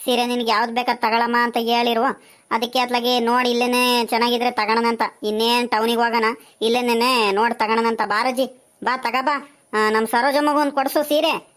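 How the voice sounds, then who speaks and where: A woman's voice: fairly high pitch, flat delivery, brisk, fairly bright tone, lightly acted. A woman playing a chatty, bossy village woman shopping for saris, nagging and teasing in a comedy skit.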